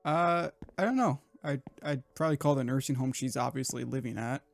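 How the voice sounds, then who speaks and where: A man's voice: medium pitch, a little fast, creaky, no room sound, soft background music. A man chatting casually with friends while playing a horror game, making offhand remarks. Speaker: gaming channel co-host. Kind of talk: casual let's-play banter.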